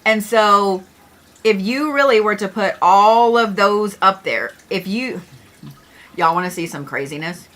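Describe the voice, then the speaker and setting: A middle-aged woman hosts a casual livestream, chatting and joking with her viewers. Her voice is bright and forward, and she talks in a loose, familiar way with the odd curse word. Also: medium pitch, unhurried. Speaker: astrology livestream host.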